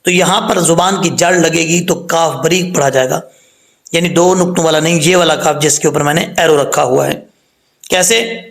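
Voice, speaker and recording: Patient high-voiced tajweed teacher, Urdu accent. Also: male voice, creaky, fairly bright tone, reverberant, low-quality recording. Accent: Pakistani Urdu. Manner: patient, explains step by step and repeats sounds slowly. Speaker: Quran recitation teacher. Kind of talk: spoken tajweed lesson with drawn-out letter recitation.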